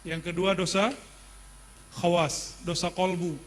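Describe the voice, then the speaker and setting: A middle-aged man delivers a sermon in a high, light voice. He talks in a relaxed, conversational way, putting questions to his listeners and slipping in jokes as he teaches. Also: measured pace. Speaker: Islamic preacher teaching a classical text.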